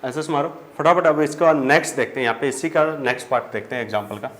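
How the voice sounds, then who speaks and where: Fast and expressive, this man's mid-range, fairly bright voice carries a chemistry lesson at the whiteboard. Addressing students as children, he breaks things down step by step and answers the questions he raises, over faint background noise.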